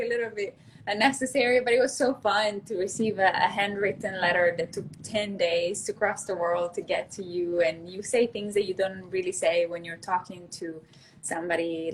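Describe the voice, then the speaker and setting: Animated woman. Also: on the low side, slight background noise, rough recording. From Sicily, Italy. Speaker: guest. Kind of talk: casual chat. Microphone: video call.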